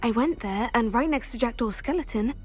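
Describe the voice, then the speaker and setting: A woman's voice: fairly high pitch, brisk, a little mellow, lightly acted. An actress playing an eager young female wizard student in a video game, talking in an eager, chatty way. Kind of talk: video game cutscene acting.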